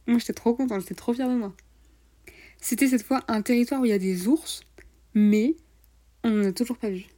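A woman's voice: a little high, fairly quick, warm tone. A young woman co-hosting a travel podcast, recounting the trip in enthusiastic, slangy casual chat. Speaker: podcast co-host.

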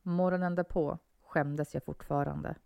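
Low, gravelly woman narrating horror. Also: no echo, dull audio. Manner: calm, measured reading. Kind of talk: first-person horror story narration.

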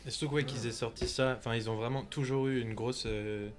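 Young man, mid-pitched, reflective, halting, clear music in the background. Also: steady tone. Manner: thoughtful, searching for words. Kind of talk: casual chat about music.

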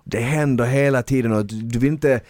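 A man's voice: medium pitch, a little mellow, dry recording. A man hosting a podcast in a studio, chatting eagerly with many fillers and restarts. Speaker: podcast host. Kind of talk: casual chat.

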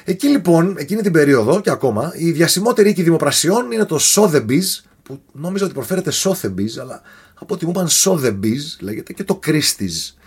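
Animated husky man telling a story. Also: a little high. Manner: animated, trips over foreign names. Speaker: podcast storyteller. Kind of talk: casual storytelling chat.

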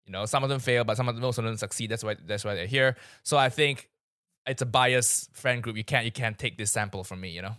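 A man's voice: mid-range voice, quick pace, bright, forceful tone, no room sound, studio quality. A man who grew up in Malaysia, joining a casual discussion in an easygoing, jokey way. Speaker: guest.

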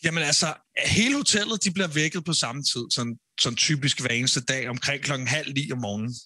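Emphatic bright-voiced man on a podcast. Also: mid-range voice, no room sound. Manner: animated, gets loud and emphatic when ranting. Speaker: podcast co-host, former reality show contestant. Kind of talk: casual podcast chat.

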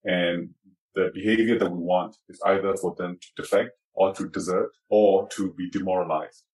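A man speaking through a voice-altering effect that disguises him, answering interview questions in a measured, explanatory way. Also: fairly even intonation, darkish tone, low-quality recording. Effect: voice altered to disguise identity, pitched down. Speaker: activist interviewee.

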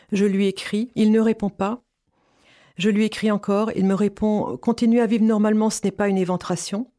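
In an earnest personal testimony, a woman in her fifties speaks openly about being a cancer patient. Her voice sits in the mid range and sounds a little mellow.

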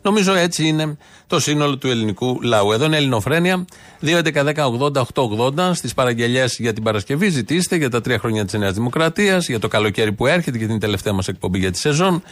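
A man running a call-in radio show, brisk and announcing, with a mid-range voice. His studio microphone sounds dry and close. He moves quickly from one plug to the next. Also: medium pitch, animated, a bit bright, no echo.

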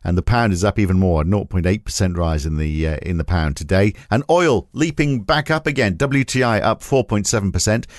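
Man, market briefing host, wry asides, lowish voice, dry close sound. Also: fairly quick, few pauses, no echo. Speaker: host of a morning markets podcast.

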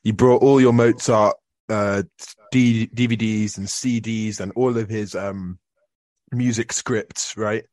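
A man's voice: lowish voice, steady tone, slow pace, darkish tone, dry recording. Laughing man co-hosting a podcast. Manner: laughs often, hesitant with fillers. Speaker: podcast co-host. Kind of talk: casual podcast chat.

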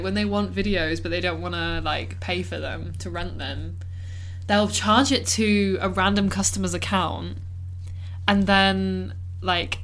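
A woman's voice: medium pitch, fairly bright tone. Woman, podcast co-host, chatty film chat, lots of "like", acts out lines. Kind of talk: casual film-review chat.

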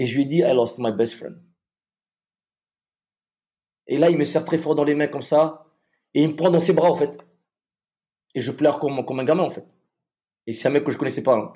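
A man, a soldier, telling a personal story in a halting way, with many repeated restarts. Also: mid-range voice, mellow.

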